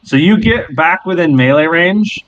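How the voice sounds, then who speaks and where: A man's voice: on the high side, expressive, normal speed, dry recording. A man narrating a tabletop game as game master, laid-back and joking, swearing often. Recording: dull, dry recording.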